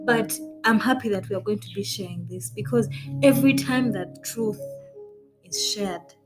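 A woman's voice: mid-range voice, moderate pace, poor audio. Bubbly woman hosting a faith podcast. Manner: bubbly and effusive, laughing often. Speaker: podcast host. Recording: clear background music under voice.

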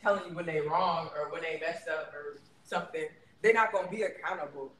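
Man co-host, high-pitched, rambling and laughing, roomy sound with light noise. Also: fairly quick, fairly bright tone, far from the mic. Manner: laughs easily, rambling with many fillers. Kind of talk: casual chat.

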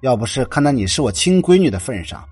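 A man's voice: medium pitch, big pitch swings, quick pace, darkish tone, husky, dry recording, full character voice. A man voicing a domineering, scornful middle-aged mother who sneers and insists on having her way. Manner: sneering, bossy.

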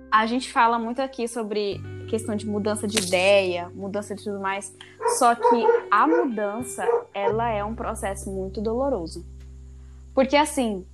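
A woman chatting casually, reacting quickly and speaking emphatically. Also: fairly high pitch. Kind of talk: casual chat.

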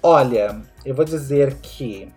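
A man with a Brazilian Portuguese accent chatting casually, animated and acting out bits of dialogue as he tells stories. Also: mid-range voice, slow pace, soft background music. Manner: animated storyteller, acts out dialogue. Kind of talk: casual chat.

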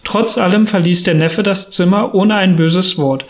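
A man narrating an audiobook in a steady storytelling manner. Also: sits high, normal speed. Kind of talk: audiobook reading.

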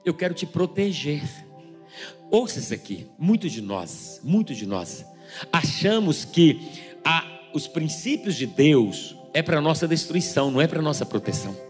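High-voiced Brazilian pastor preaching. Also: male voice, very animated, moderate pace, faint music behind. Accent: Brazilian Portuguese. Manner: acts out everyday scenes with shifting voices, emphatic. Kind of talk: sermon.

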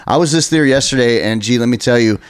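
A man's voice: mid-range voice, fast, clean tone, no room sound. An American man hosting a casual podcast, chatty and informal, with emphatic, digressive talk. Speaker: podcast host.

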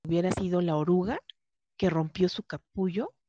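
A woman with a Mexican accent chats on a podcast, spinning stories and slipping into the voices of people she quotes. Her voice sits fairly low. The recording is dull and lo-fi, with no room sound. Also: moderate pace, dark tone, dry recording. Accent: Mexican Spanish. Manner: chatty storytelling that acts out quoted voices. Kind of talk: casual chat.

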